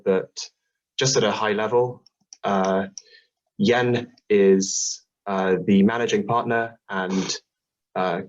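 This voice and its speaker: A young man introduces a guest on a video call in a flat, fairly low voice. He hesitates often, with many fillers and restarts. The sound is dull and lo-fi. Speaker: student moderator.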